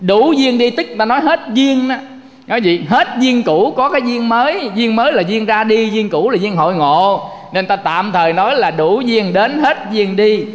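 A man's voice: high-pitched, expressive, normal speed. A man giving a Buddhist sermon, folksy and joking, often asking the audience for agreement. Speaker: Buddhist teacher. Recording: long hall reverb.

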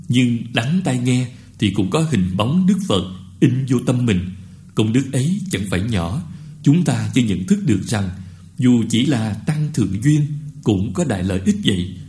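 A man giving a Buddhist dharma talk to a retreat, earnest and admonishing, slowly chanting short verses. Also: medium pitch, dark tone. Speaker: Buddhist teacher.

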